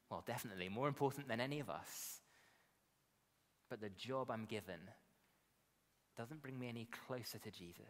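British man preaching in an echoey hall. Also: fairly low pitch. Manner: conversational, frequent tag questions. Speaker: pastor, preacher. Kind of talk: sermon. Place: indoor hall, at a lectern. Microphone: lectern gooseneck microphones.

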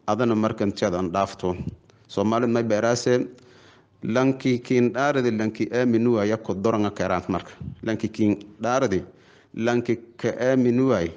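A man's voice: medium pitch, darkish tone. Somali man preaching, slightly dull recording. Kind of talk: Islamic sermon with recited Arabic quotations. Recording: dull, lo-fi sound.

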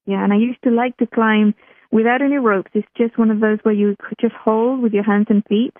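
A woman's voice: a little high, steady tone, a little fast, no room sound. A woman from Chile, a guest telling a personal story in a chatty way, often restarting her sentences. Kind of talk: casual interview storytelling. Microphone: telephone. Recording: tinny phone line, dry.

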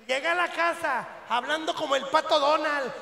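A man with a Mexican accent doing a crude, rowdy stand-up routine for a live crowd, often breaking into shouts. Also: extremely high pitch, moderate pace, creaky, heavy background noise. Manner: vulgar, rowdy, bursts into shouting. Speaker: stand-up comedian. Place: live show venue at a fair. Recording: echoey live hall with long reverb.

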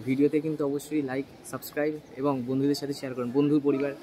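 Joking off-camera man, flat and quick. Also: mid-range voice, slight background noise. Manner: joking, teasing, calls out to the host. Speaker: friend behind the camera. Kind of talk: casual off-camera banter.

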